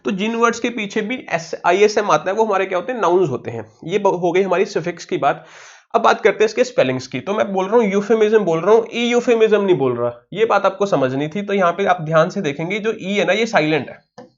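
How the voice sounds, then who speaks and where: High-voiced Indian man teaching vocabulary. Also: highs cut off. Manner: quizzing, asks then answers his own questions; spells words slowly letter by letter. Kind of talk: online exam-prep lesson.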